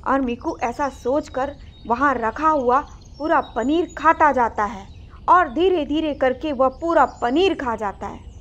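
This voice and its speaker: A woman narrating a children's moral story in a gentle, simple storytelling manner. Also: high voice, a little slow. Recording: slightly muffled recording.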